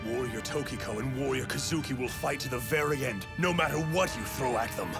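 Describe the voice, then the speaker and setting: A man voicing a gruff, stern male warrior chief in an anime dub, with a commanding manner. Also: medium pitch, brisk, natural voice. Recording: anime dub with music behind.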